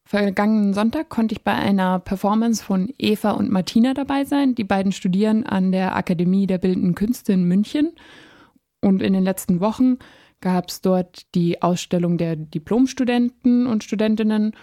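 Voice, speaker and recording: A woman presenting an arts segment and interviewing two artists in a calm, measured way. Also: mid-range voice, no echo, clean studio sound. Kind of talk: radio feature and interview.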